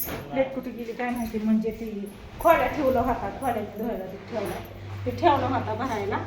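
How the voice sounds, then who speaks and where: A woman chatting casually in a home vlog, talking to her family and excitedly calling to a pet. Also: a little fast, noisy background. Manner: chatty, excited, calls to a pet in a high sing-song. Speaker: vlogger. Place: home, indoors.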